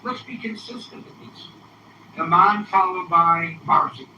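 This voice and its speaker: A man's voice: sits high, a little slow, bright, forceful tone, lo-fi sound. A man hosting a political call-in show, speaking with impassioned, repetitive conviction. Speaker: podcast host. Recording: roomy, distant, faint hiss.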